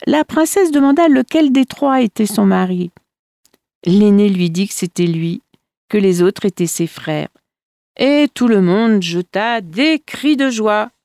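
A woman storyteller reads folk tales aloud at an unhurried pace, her delivery measured and expressive. Her voice sits at an ordinary pitch. The recording is dry and close. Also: dry recording.

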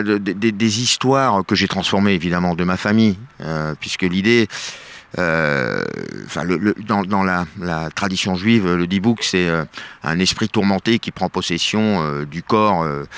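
Middle-aged actor guy on the radio, lowish voice, lots of ums and restarts. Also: a little slow, a bit bright, smooth. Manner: hesitant, many fillers and restarts. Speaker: stage actor and bandleader, interview guest. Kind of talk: radio interview.

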